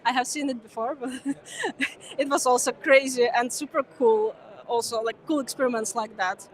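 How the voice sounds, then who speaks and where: A young woman, a native Ukrainian speaker and former speaker now a conference guest, gives a casual interview at a busy venue, hesitating and using many fillers. Her voice is a little high, with a steady tone and normal speed.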